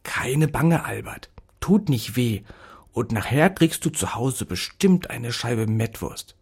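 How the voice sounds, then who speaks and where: A man voicing a little girl in a storybook, soothing her dog in a breathy whisper, whispered role-play. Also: mid-range voice, animated, slow, heavily acted.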